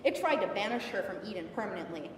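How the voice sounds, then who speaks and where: A woman's voice: medium pitch, expressive, fast talker, natural voice. Young woman as defiant Eve, echoey hall. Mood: passionate. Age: young adult. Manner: sarcastic, emphatic, conversational. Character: defiant, indignant biblical Eve, sardonic and frank. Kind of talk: theatrical stage monologue. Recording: echoey hall from far off, some noise.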